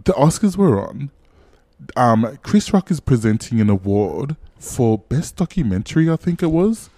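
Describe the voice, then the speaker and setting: A man's voice: medium pitch, sing-song, normal speed, mellow. A man, co-hosting a podcast in casual chat, gossiping animatedly and swearing a lot. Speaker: podcast co-host.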